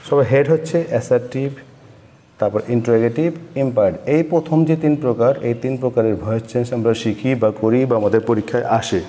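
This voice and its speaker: A man's voice: mid-range voice, dark tone, a little hiss or hum. A male English teacher from Bangladesh giving an online class lecture, patiently explaining and often repeating words as he goes. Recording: echoey room with long reverb.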